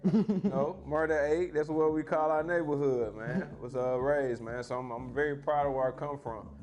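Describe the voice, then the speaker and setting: A man's voice: fairly high pitch, normal speed. Laid-back Memphis man, guest. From Memphis, Tennessee. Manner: relaxed, says "man" and "bro" often. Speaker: podcast guest. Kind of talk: casual chat.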